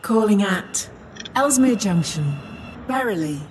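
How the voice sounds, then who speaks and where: A woman giving formal, measured train station loudspeaker announcements. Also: mid-range voice, expressive, a loud crowd.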